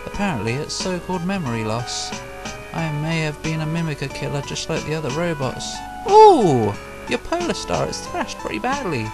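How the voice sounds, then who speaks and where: Casting: man pitching up as a tough protective robot girl reading game text, lively delivery. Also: normal speed. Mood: earnest. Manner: reads the game's text boxes aloud, pitched up. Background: loud game music.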